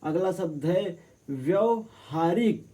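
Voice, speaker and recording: A man with a fairly high but very dark, mellow voice leads a spelling lesson for exam prep. He drags out each corrected word slowly and then explains it in a plain teaching manner. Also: lively intonation. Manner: slow, drawn-out word by word correction.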